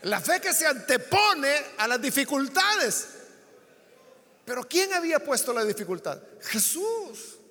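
A man's voice: extremely high pitch, big pitch swings, unhurried, bright, forceful tone, in a large hall. A man preaching a sermon, passionately acting out the dialogue of his stories. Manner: impassioned, acts out biblical dialogue.

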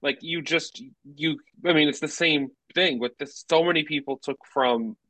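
A man's voice: a little high, moderate pace, pushed and bright, no echo, rough recording. A man co-hosting a movie podcast in casual chat, rambling and restarting his sentences. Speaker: podcast co-host.

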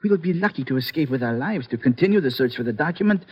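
An actor playing a small, secretive, resourceful ally in an old-time radio adventure, speaking in careful, formal phrases with a husky voice. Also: male voice, on the high side, animated, fast talker, a little mellow. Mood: guarded. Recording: reverberant old radio recording.

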